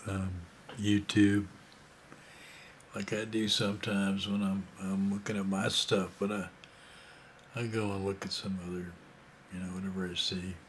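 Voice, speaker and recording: A man's voice: low-pitched, level tone, unhurried, pauses often, a little hiss or hum. A man in his sixties telling a rambling, casual story full of fillers and asides. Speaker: vlogger.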